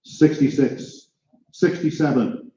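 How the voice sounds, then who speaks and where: A man's voice: medium pitch, slow pace, warm tone. An American man working as an auctioneer, calling a live auction with clipped, climbing numbers and repeated calls to bidders. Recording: echoey room, slightly dull sound.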